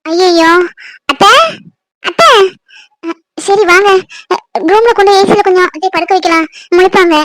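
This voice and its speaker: Someone voicing a very high-pitched young bride. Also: fairly even intonation, moderate pace, pauses often, fairly bright tone, dry recording. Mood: alarmed. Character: shy young newlywed bride, caring and gentle. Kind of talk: cartoon voice acting.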